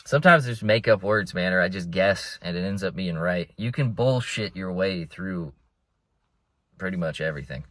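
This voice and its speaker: A man's voice: deep voice, animated, moderate pace, fairly bright tone, no room sound. A young man vlogging from inside a car, rambling in a laid-back way and calling his listeners bro. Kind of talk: casual rambling monologue.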